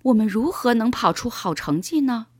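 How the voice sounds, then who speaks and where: A woman's voice: on the high side, animated, normal speed, husky, dry recording, pitched above the performer's own voice. A woman voicing an eager, curious young schoolboy in a children's storybook reading.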